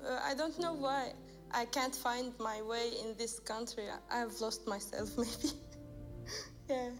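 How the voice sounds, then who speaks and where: A woman's voice: a little high, steady tone, measured pace. A woman from Syria, speaking hesitantly in a video interview and searching for her words. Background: soft music.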